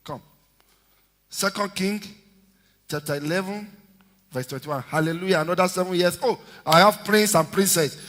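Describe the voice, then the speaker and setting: A man in his fifties, a senior pastor preaching a sermon with shouted call-and-response to his congregation. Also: high voice, moderate pace, long pauses. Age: 50s. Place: church hall. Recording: echoey church hall reverb.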